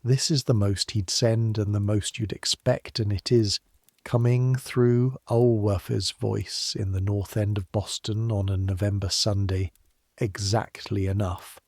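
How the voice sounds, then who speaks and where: A man narrating a history story for sleep in the second person, measured, unhurried and softly grave. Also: on the low side, steady tone, dry recording, clean studio sound.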